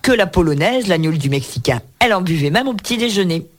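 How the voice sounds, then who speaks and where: A man's voice: high voice, expressive, fast, a bit bright. A man hosting a radio book segment, presenting a cookbook in a chatty way with playful asides. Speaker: radio book show host. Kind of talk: reviewing books on air.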